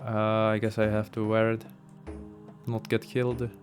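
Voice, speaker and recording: A man streaming a game live, making relaxed, offhand asides to his chat. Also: on the low side, a little slow. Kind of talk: casual game livestream chat. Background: game music.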